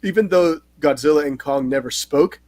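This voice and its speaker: A man hosting a casual movie-review chat, relaxed and animated when he gets going. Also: fairly high pitch, normal speed. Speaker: host.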